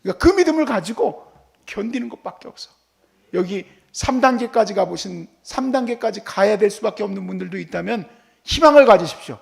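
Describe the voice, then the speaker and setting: A man's voice: sits high, expressive, fairly quick, vocal fry. A man preaching a sermon as pastor, telling stories and acting out how he scolds and comforts his child.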